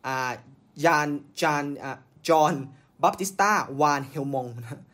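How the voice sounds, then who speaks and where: A man's voice: on the high side, measured pace, a bit bright. A man hosting a podcast, telling science history in a casual way, with many fillers and self-corrections. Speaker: podcast host.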